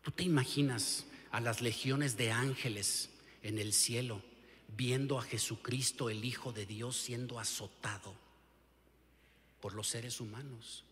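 Slow emphatic Mexican preacher. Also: male voice, medium pitch, fairly even intonation, fairly bright tone, big-room sound. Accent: Mexican Spanish. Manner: emphatic preaching with frequent rhetorical questions to the listener. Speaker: pastor. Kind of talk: sermon. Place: church sanctuary.

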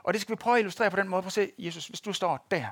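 A husky, high-pitched male voice with a fairly bright tone leads a church sermon featuring a live demonstration. He tells stories and speaks directly to the congregation, and there's no room sound.

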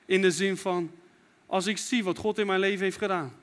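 A man's voice: high-pitched, steady tone, moderate pace, a bit bright. A man preaching a fervent sermon as pastor, acting out prayers and God's words as he goes.

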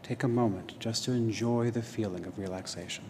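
A man leading a guided relaxation meditation in a calm, measured, gently instructing manner. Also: lowish voice. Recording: long hall reverb, noisy ambience.

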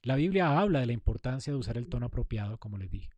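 A man's voice: medium pitch, big pitch swings, fast talker, darkish tone, dry recording, lo-fi sound. A man giving a conversational sermon, acting out sample replies to a spouse. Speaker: preacher. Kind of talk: sermon on marriage communication.

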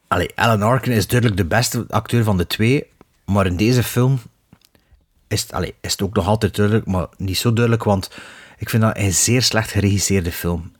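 A man's voice: on the low side, no echo. Man, Flemish accent, podcast co-host, critical and emphatic, restarts often, dry close sound. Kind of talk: casual film discussion.

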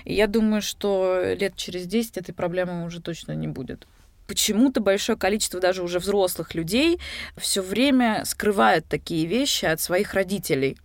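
Woman, early twenties, podcast co-host, lively and friendly, dry close sound. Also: medium pitch, normal speed, no echo. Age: 20s. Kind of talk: casual podcast conversation.

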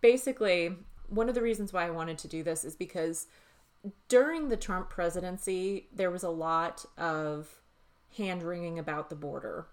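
A woman in her thirties with a fairly low voice co-hosts a casual podcast. She talks candidly and swears freely. She laughs easily as she chats. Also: normal speed. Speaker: podcast co-host. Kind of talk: casual chat.

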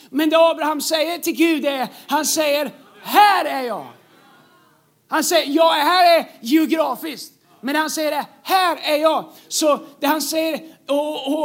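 High-pitched male pastor, preaching emphatically with repeated phrases. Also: a bit bright. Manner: emphatic, repeats key phrases, jokes with the congregation. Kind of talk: sermon.

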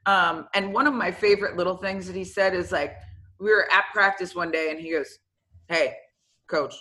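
A woman with a bright, forceful voice recounts her coaching days in a relaxed interview. She tells her stories with energy and slips into the voices of the people she quotes. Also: on the low side, brisk. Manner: animated, acts out quoted dialogue. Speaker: football coach. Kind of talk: casual interview storytelling.

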